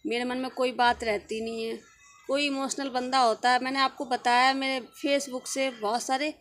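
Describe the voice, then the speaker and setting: A woman's voice: high voice, steady tone, moderate pace, a bit bright. Frank, chatty woman vlogger. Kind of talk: casual vlog talk to viewers.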